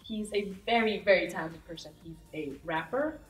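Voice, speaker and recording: A young woman co-hosting a talk show, enthusiastic and lively, recorded in an echoey room away from the mic. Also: fairly low pitch, moderate pace. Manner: bright, enthusiastic. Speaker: co-host. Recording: echoey room, voice from far off, faint music.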